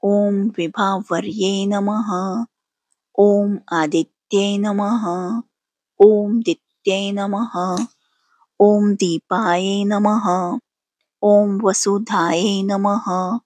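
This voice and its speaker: A woman chants sacred names one after another at an unhurried, deliberate crawl, each phrase placed with even, rhythmic care. Her voice sits in an ordinary middle register and sounds close and dry, with no room around it. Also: medium pitch, no echo. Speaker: devotional channel host.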